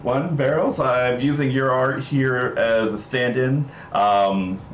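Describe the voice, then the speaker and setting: Speaking slowly in a steady, mid-range voice, a man gives informal commentary while demonstrating a game project on a casual livestream. Game music plays in the background, the room echoes, and there's a little hiss or hum.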